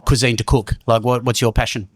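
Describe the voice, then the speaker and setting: Fast-talking podcast host, man. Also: mid-range voice, level tone, no room sound. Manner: chatty, asks rambling stacked questions. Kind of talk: casual interview chat.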